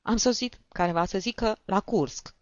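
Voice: mid-range voice, fairly bright tone, clear, resonant tone, no echo, highs cut off, lightly acted. A reader voicing a weepy, flustered male tutor who sobs and strains as he complains, in a storybook reading. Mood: tearful. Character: weepy flustered male tutor, tipsy trip gone wrong.

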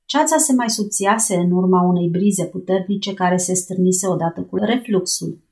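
A woman narrating an adventure audiobook aloud, voicing the dialogue and raising her voice for the shouted lines. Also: fairly low pitch.

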